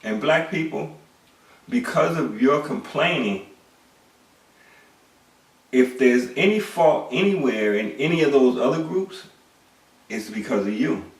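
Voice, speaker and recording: This middle-aged man, a commentator, delivers an animated, emphatic monologue lecture at a measured pace with frequent pauses. His mid-range voice is full of rhetorical questions and repeated words. He is far from the mic in an echoey room.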